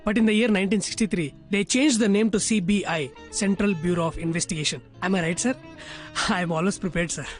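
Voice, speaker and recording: A man dubbing a chatty, cheeky job candidate in a film interview scene, with music underneath. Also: high voice. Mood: earnest. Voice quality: talkative, quick, cheeky. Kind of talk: Telugu film dub dialogue.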